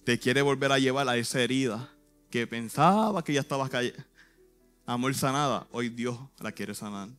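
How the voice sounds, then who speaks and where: A man's voice: mid-range voice, normal speed, a bit bright, smooth, faint music behind. A man, a youth pastor giving an earnest, emotional church testimony in short phrases. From Puerto Rico.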